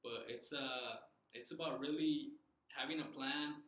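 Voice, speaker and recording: Earnest young man, bright voice. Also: medium pitch, measured pace, echoey room, rough recording. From Southern California. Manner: earnest, many fillers and restarts. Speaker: loan officer guest. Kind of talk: casual interview.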